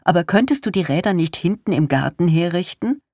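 A reader voicing a patient older wife. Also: female voice, lowish voice, animated, a little fast, a little mellow, no room sound, studio quality, pitched above the performer's own voice. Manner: patient but insistent.

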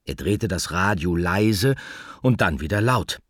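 A man narrating a children's audiobook in a calm, even storytelling manner. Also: low-pitched, a little slow, no echo, clean studio sound.

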